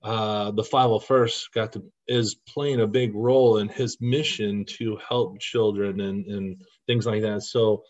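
A man's voice: on the low side, steady tone, unhurried, hardly any pauses, darkish tone, lo-fi sound. A man guest on a podcast telling heartfelt stories in an earnest, at times emotional way. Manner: earnest, emotional when recounting. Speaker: podcast guest, costumed volunteer. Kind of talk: storytelling in an interview.

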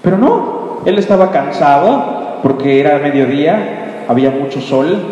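A man preaching a sermon, animated and quizzing the congregation, heard from far off in an echoey hall. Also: a little high, measured pace, highs cut off. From Yucatán, Mexico.

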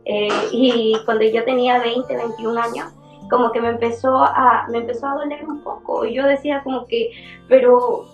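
A woman in her twenties, a young church leader, giving an emotional personal testimony in a halting way, with many fillers and restarts. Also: a little high, little pitch movement, dull audio, faint music behind. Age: 20s.

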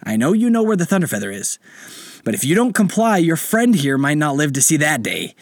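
A man's voice: fairly high pitch, sing-song, a little fast, no room sound, clean studio sound, pitched above the performer's own voice. A man voicing a theatrical, blustering male pirate captain who talks in a showy, indignant way.

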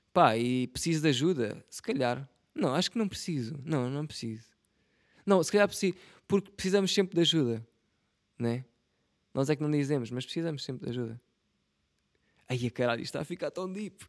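A man's voice: mid-range voice, no room sound, clean studio sound. A young man with a European Portuguese accent, rambling through a casual solo podcast in a self-mocking, slangy and profane way. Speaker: podcast host.

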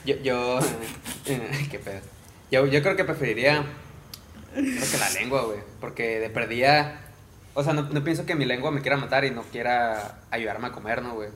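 A man's voice: medium pitch, normal speed, a bit bright, slight background noise. A man with a Mexican Spanish accent in casual chat, stumbling and repeating words while he thinks. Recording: echoey room.

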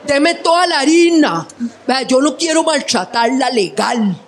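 A woman's voice: high-pitched, expressive, measured pace, very noisy. A woman voicing a cocky young male street robber, mock-polite.

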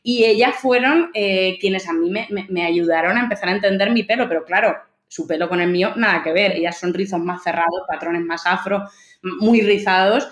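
A woman in her thirties, a guest in a casual chat, telling personal stories in a lively, expressive way and acting out what people said. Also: medium pitch, fairly quick. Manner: lively, expressive storytelling with acted-out quotes. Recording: roomy echo.

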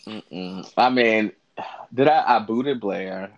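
A man's voice: fairly low pitch, takes it slowly. A man casually reviewing fashion looks as co-host, sassy and blunt with campy slang, in a lo-fi recording. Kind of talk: casual chat, commentary.

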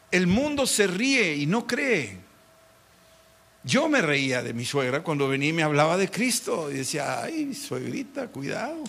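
A middle-aged pastor, preaching a dramatic sermon and acting out mocking voices. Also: male voice, fairly high pitch, a bit bright.

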